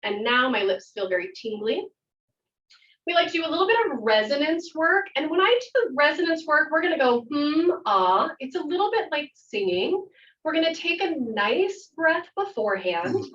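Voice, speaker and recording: A woman theater instructor leading an interactive workshop, calm and guiding, slowing down for visualization. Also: on the high side. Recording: muffled audio from far off.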